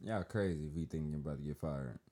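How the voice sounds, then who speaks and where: A man's voice: extremely low pitch, fast talker, warm tone. A man co-hosting a casual podcast, slangy and incredulous, pushing back on the others. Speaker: podcast co-host.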